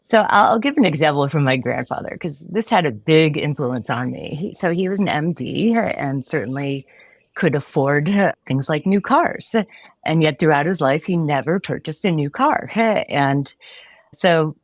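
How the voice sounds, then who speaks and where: A woman's voice: sits low, animated, moderate pace, no room sound, clean studio sound. A woman in her forties from Connecticut, a philosophy professor answering interview questions thoughtfully, with frequent restarts and light laughter. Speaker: philosophy professor, podcast guest.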